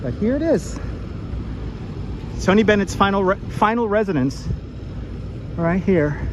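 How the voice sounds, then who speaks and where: A man's voice: high voice, lively intonation, a little slow. A man giving a live walking tour to online viewers, with a projected tour guide delivery as he points out sights outdoors. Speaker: tour guide and livestream host. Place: outdoors on busy city streets and park edge. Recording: clearly noisy outdoor street recording. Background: traffic and urban street noise.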